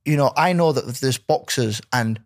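A man's voice: medium pitch, normal speed, no room sound, clean studio sound. A man chatting casually as a podcast guest, earnest, rambling and matey. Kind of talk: casual chat.

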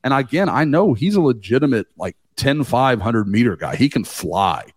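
Animated rambling man, dry sound. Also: medium pitch, moderate pace, breathy edge, dry recording. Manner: animated, rambling, swears casually. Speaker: guest, team beat writer. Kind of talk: casual podcast chat.

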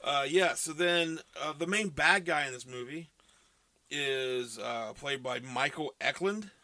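In a casual movie-review chat, a podcast co-host rambles through cast lists, using plenty of fillers. His voice is a little high and sharp, and he speaks unhurriedly. There is no echo.

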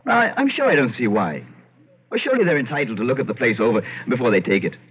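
Genteel storyteller, swooping and theatrical. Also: male voice, medium pitch, sing-song, quick pace, husky. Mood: puzzled. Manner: theatrical, digressive, polite. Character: idle, genteel Irish gentleman narrating his eerie tale. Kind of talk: old-time radio drama acting. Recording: tinny narrowband old radio broadcast.

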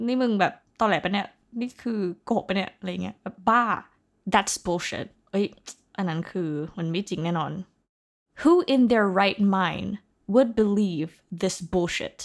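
A woman's voice: mid-range voice, fast, gravelly. A woman hosting a casual vocabulary lesson, chatting along and spelling English words out letter by letter. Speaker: host teaching English vocabulary.

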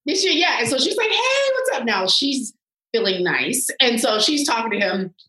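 A woman in her thirties, a sports TV anchor, telling stories in casual chat with lively jumps up into a high voice. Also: normal speed, echoey room, poor audio. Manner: animated, swoops up high when acting out her reactions.

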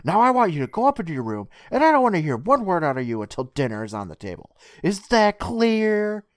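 A man's voice: high voice, big pitch swings, fairly quick, pitched above the performer's own voice. A man voicing an angry middle-aged mother who scolds her sons in a stern, nagging tone. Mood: scolding.

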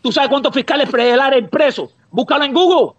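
A man's voice: very high voice, fast, muffled recording, crowd noise. A man on a livestream arguing politics, insistently repeating his questions and calling the other man brother. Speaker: livestream guest. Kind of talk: heated political debate.

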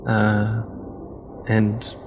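Man playing a formal, deferential elf chauffeur, low-pitched. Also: completely flat delivery, drawn-out words, soft background music. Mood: admiring, earnest. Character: polite, formal male elf chauffeur, servant-like and earnest. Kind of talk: tabletop role-play.

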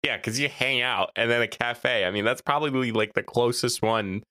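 A man's voice: mid-range voice, normal speed, pushed and bright, no room sound, studio quality. A man hosting a casual chat, reading out quiz questions with a playful manner and frequent laughs. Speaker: host.

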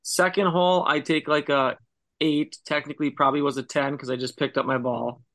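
A man's voice: on the high side, steady tone, fairly quick, fairly bright tone, no room sound. A man co-hosting a casual golf podcast, defending himself and explaining his play. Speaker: podcast co-host. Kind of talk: casual chat.

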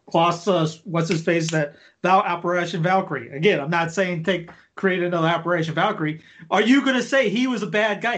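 A man's voice: high-pitched, fairly bright tone. A man speaking as a guest on a talk show, impassioned and preachy, ranting in bursts. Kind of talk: casual talk show chat.

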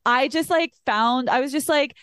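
A woman hosting a podcast, talking in a chatty, animated way and swearing freely. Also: medium pitch, brisk, no echo, clean studio sound. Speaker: podcast host. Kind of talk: casual chat.

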